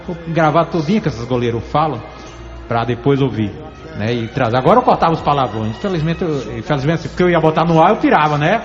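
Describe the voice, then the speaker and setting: Chatty Brazilian radio host, reverberant sound. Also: male voice, fairly high pitch, lively intonation, fast talker, highs cut off, soft background music. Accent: Alagoas Brazilian. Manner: chatty, storytelling, laughs often. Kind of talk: conversational interview.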